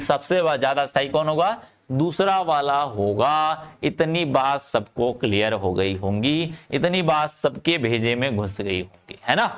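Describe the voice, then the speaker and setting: Male online chemistry tutor, slightly higher voice, repetitive and coaxing with students. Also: a bit bright. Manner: urges students to answer quickly, repeating phrases; calls students "bachcha" and "bhai". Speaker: chemistry teacher. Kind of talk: live online class lecture.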